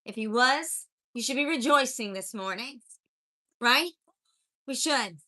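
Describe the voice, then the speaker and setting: Woman with a mixed, hard-to-place accent greets her viewers, bright voice, earnest and encouraging. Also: fairly high pitch, animated, measured pace. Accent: mixed accent from many places. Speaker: spiritual life coach and live-stream host. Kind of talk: live-stream chat greeting viewers and preaching.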